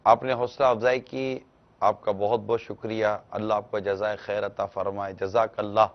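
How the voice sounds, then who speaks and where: Gravelly male religious scholar giving gentle advice. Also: fairly low pitch, level tone, muffled recording. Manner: gentle, instructive, acts out household dialogue. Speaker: religious scholar answering callers. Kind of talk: televised religious advice talk.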